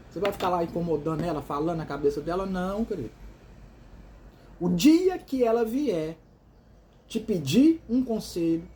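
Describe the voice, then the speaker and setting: A man's voice: high-pitched, darkish tone, a little hiss or hum. A man with a Brazilian accent hosting a motivational talk, stressing points by repeating words and asking himself questions he then answers. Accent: Brazilian Portuguese. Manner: emphatic, repeats words in runs, calls the listener "dear". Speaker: host of a motivational series.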